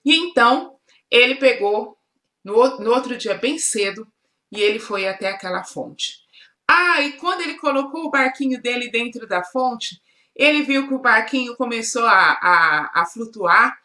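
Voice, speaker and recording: Bright Brazilian woman telling a kids' story. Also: a little high, moderate pace, echoey room. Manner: lively, expressive narration. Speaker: children's ministry storyteller. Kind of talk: storytelling for children. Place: church room.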